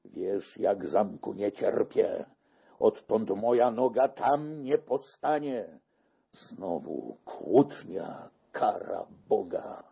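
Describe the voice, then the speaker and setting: Man voicing a scolding old monk, earnest, gravelly, very dark. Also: fairly low pitch, lively intonation, drawn-out words, pitched above the performer's own voice, exaggerated voice. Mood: urgent. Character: scheming older male monk, urgent and scolding.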